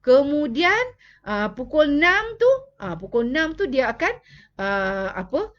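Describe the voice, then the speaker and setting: A woman's voice: high-pitched, sing-song, measured pace, a bit bright. A Malaysian woman hosting a casual live stream on child behavior, chatting with viewers and mixing in English words. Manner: chatty, answers viewer comments, mixes in English. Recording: dull lo-fi live-stream audio.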